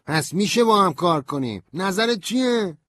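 A man playing a cheerful, crude, energetic young man in an audiobook, brash and slangy in his delivery. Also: high voice, no room sound, studio quality. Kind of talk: audiobook character reading.

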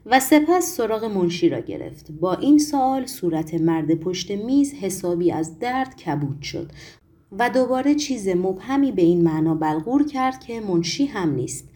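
Woman audiobook narrator, animated pitch, mellow timbre. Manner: expressive storytelling.

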